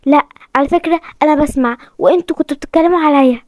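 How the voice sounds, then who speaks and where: A woman's voice: sits high, rapid-fire, darkish tone, dry recording, clean studio sound, close to an everyday voice. A woman with an Egyptian accent voicing an eerie new orphan girl who talks curtly and confrontationally. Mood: cold. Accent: Egyptian Arabic.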